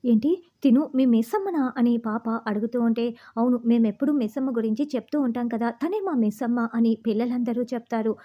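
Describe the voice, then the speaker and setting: A woman narrating a recap of a TV serial episode, reading out the characters' lines in a steady storytelling manner. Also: a little high, quick pace, muffled recording.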